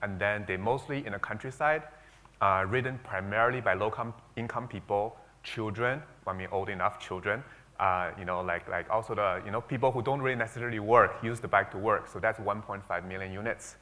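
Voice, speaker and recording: A man's voice: fairly low pitch, a little fast, pushed and bright. A man speaking on a conference panel, hesitant and full of fillers as he explains his view. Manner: hesitant, many fillers and restarts. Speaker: panelist, investor. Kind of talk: panel discussion.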